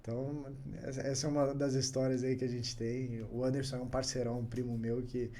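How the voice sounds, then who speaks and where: Man, podcast guest, animated storyteller, mid-pitched voice, faint background hiss. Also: a little fast. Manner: animated anecdote-telling, chuckles often. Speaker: guest entrepreneur.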